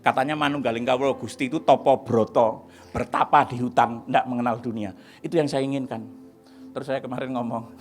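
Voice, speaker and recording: A man giving a testimony sermon as a pastor in a church service, dramatic, swinging from hushed to shouting. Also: mid-range voice, steady tone, fairly quick, faint music behind.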